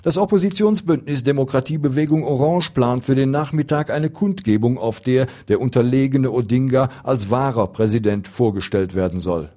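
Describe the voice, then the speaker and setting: Male correspondent, mellow tone, measured news read, steady and serious. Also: medium pitch. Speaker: foreign correspondent. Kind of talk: radio news report.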